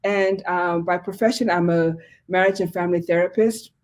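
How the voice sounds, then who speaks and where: A woman's voice: lowish voice, fairly even intonation, moderate pace. A woman in her forties, originally from Zimbabwe, a pastor telling her story as a guest with many fillers. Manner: warm storytelling with frequent fillers. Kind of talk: casual interview talk.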